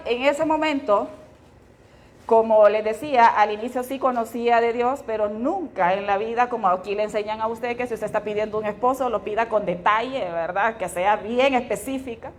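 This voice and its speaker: A middle-aged woman with a Honduran accent tells her life story to a gathered audience in a slightly high voice. She keeps turning to her listeners with little tag questions as she goes. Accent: Honduran Spanish. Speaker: testimony speaker at a women's fellowship meeting. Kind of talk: personal testimony to a live audience.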